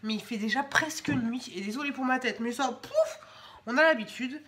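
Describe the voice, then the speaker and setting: A young woman with a cold, sounding stuffy, chats casually at home while showing off her shopping haul as a vlogger, with lots of fillers and restarts. Her voice is high-pitched and a bit bright, at normal speed.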